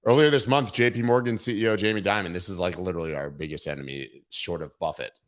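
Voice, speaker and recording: A man with a very deep, low voice that sounds worn out and tired. He hosts a casual crypto livestream in an irreverent, joking way and swears freely as he walks through the charts. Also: fast. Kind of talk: casual market commentary.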